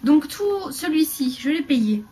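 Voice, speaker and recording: A woman chatting casually through a beauty haul video, rambling with fillers and dropping into quiet asides. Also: high voice, big pitch swings, measured pace. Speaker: beauty vlogger.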